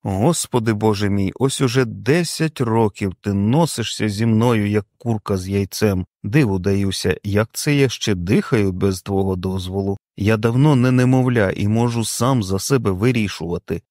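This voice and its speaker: A man's voice: lowish voice, normal speed, hardly any pauses, a little mellow, no room sound, studio quality, lightly acted. A man voicing a stubborn, grumbling husband who talks back defiantly, in a storybook reading.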